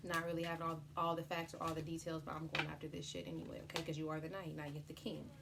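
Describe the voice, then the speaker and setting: A woman's voice: low-pitched, level tone, rapid-fire, gravelly, background noise. A woman giving an unscripted tarot explainer in a chatty, informal way, with slang and free swearing. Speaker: tarot reader presenting a tutorial.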